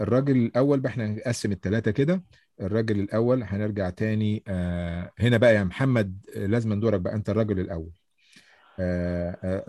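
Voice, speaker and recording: A man's voice: lowish voice, a little mellow, no echo. A man with an Egyptian accent casually leading a read-through and handing out parts, often thinking aloud. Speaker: director leading a group play read-through.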